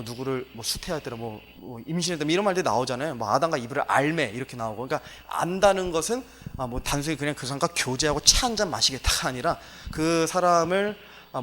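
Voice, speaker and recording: A man's voice: mid-range voice, fairly bright tone, long reverb tail. A male pastor giving a sermon lecture, emphatic and exclaiming, with many filler words.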